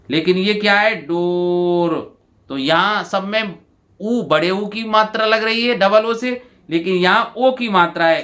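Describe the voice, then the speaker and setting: A man teaching an exam walkthrough lesson. His voice sits high and sounds bright and forceful, and he goes unhurriedly, repeating each word. He talks casually to his students. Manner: repeats each word slowly, calling listeners "bhai".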